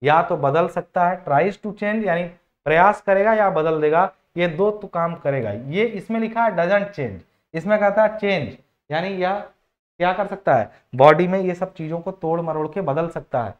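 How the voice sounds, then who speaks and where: Here an engineering teacher speaks in a high voice at a measured pace, keeping his lecture chatty. He repeats himself, asks the students questions, and weaves in English technical terms, heard through a dull, lo-fi recording.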